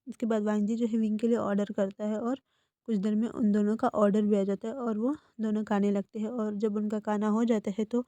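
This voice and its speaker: A woman's voice: medium pitch, flat delivery, brisk, mellow, dry recording. A woman casually retelling a fan fiction story in a plain, conversational way.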